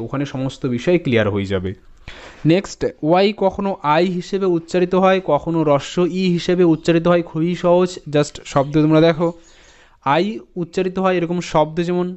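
A man teaching English phonics, spelling each word letter by letter and repeating it slowly, and checking in with his students. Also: on the high side, darkish tone, clear, resonant tone, lo-fi sound. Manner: addresses students directly with "ঠিক আছে?". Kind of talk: phonics lesson.

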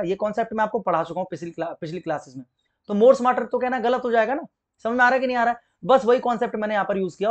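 A young man teaching an exam-prep grammar lesson, explaining step by step and often checking that students follow. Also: high-pitched. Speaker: English teacher.

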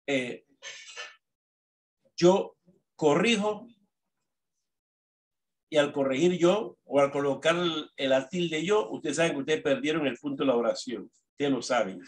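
Male teacher dictating slowly and emphatically. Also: a little high. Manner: repeats "¿verdad?" often, slow emphatic dictation. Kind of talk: remote classroom lesson.

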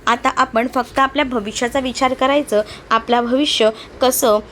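A woman voicing a caring young wife who soothes her husband, in a soft, soothing tone. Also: sits high, steady tone, normal speed, slight background noise. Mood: gentle.

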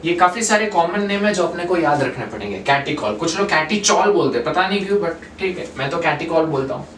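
A man's voice: on the high side, lively intonation, fast, a bit bright. Man teaching chemistry in an echoey room. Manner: quizzes the class, mixes in English terms. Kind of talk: whiteboard lecture. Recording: echoey room, far from mic, faint noise.

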